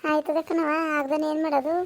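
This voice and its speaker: Woman doing a shrill, scolding village mother-in-law, old and quarrelsome, comedy skit. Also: little pitch movement, a little fast. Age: older. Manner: scolding, then wailing in a high pitch. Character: nagging elderly mother-in-law, sharp-tongued and whiny.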